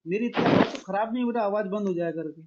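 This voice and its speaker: A man's voice: high-pitched, quick pace, a little mellow, muffled recording. A man teaching a math class online, calling his students "beta" and mixing English math terms into his explanations.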